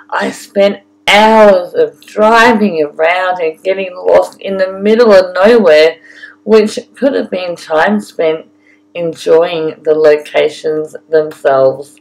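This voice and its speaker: A woman with an Australian accent reading a scripted audio-guide narration in a deliberate way, addressing the listener directly. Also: on the low side, vocal fry, poor audio. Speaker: photographer and travel guide narrator.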